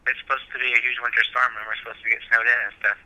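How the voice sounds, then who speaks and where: A young man heard through a phone set on speakerphone, his voice sharp and bright. He rattles along quickly in an offhand, casual way, like a student calling home. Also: mid-range voice, little pitch movement, low-quality recording. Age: young adult. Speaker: caller, the hosts' son. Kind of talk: casual chat.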